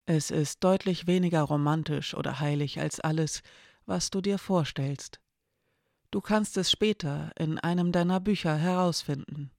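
A narrator voicing an eerie, calm being from a mirror that takes the shape of a thin, pale woman and speaks curtly in an audiobook. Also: medium pitch, moderate pace, gravelly, no room sound, studio quality, lightly acted. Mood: cool, terse.

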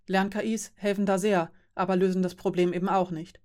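A woman voicing a patient, weary fairy who explains things in a calm, measured way. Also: medium pitch, close to an everyday voice. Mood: resigned.

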